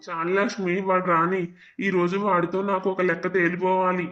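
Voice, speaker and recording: A man's voice: high voice, little pitch movement, a little fast, muffled recording, natural voice. A man voicing a worried, proud elderly village father in a cartoon family drama, speaking sternly with authority. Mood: hurt, stern.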